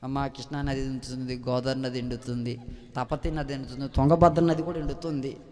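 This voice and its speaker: A male pastor, preaching fervently, dropping to hushed storytelling and then rising to shouted appeals. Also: medium pitch, level tone, a little fast. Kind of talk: sermon. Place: church hall. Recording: long hall reverb.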